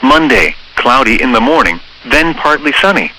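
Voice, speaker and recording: This automated weather radio announcer is a synthetic male text-to-speech voice, mid-range and very animated, reading scripted emergency weather bulletins in a formal, measured, impersonal manner. The broadcast comes in over the radio and is noisy.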